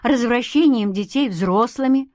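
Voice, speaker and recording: A woman reading an audiobook, voicing a strict, sharp-tongued schoolteacher mother who talks at people loudly. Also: a little high, unhurried, dry recording, voice pushed up, lightly acted. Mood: hectoring. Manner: sharp, hectoring and loud. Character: strict middle-aged provincial schoolteacher mother.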